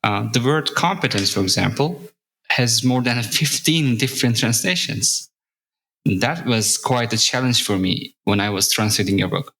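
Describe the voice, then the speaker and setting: A man with a Turkish accent, a native Turkish speaker, talking as a podcast guest in a friendly, measured way. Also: medium pitch, a bit bright, poor audio. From Turkey. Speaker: guest, intercultural communication teacher. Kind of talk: podcast conversation.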